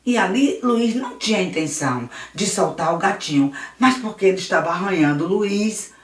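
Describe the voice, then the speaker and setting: A woman missionary telling a story to children, animated and speaking right to them. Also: fairly low pitch, normal speed. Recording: roomy, distant mic.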